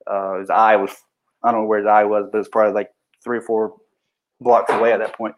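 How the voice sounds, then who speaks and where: A man's voice: on the low side, little pitch movement, fairly quick, slight background noise, poor audio. Profane, blunt police officer man. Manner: profane, blunt, restarts sentences often; acts out what people said in raised voices. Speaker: police officer recounting a shooting. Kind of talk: casual storytelling.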